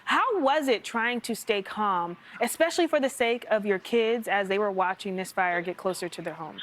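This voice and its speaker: A woman's voice: mid-range voice, normal speed, a bit bright, a little hiss or hum. A woman conducting a conversational broadcast interview as a news interviewer.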